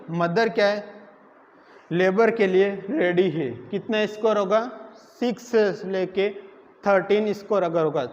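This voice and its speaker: High-voiced teacher, echoey room. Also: male voice, a little mellow. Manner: repeats questions to students and answers them himself. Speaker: nursing exam teacher. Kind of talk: classroom lecture. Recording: echoey room, dull lo-fi sound, faint noise.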